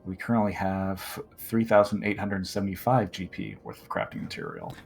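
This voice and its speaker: A man's voice: deep voice, big pitch swings, normal speed, gravelly, a little hiss or hum. A man talking casually as a player at a tabletop game. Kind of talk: casual chat.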